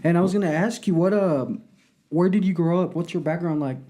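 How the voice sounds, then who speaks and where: A man co-hosts a podcast interview, chiming in quickly and upbeat. His voice sits a little high for a man, with a mellow, dark tone. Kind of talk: casual interview chat.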